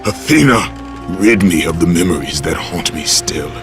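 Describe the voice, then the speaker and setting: A man playing a brooding, vengeful Greek warrior in a video game, with a gruff voice and a terse, grim delivery. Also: expressive, normal speed. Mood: anguished despair. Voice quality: gruff, deep. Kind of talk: dramatic video game acting. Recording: loud music underneath.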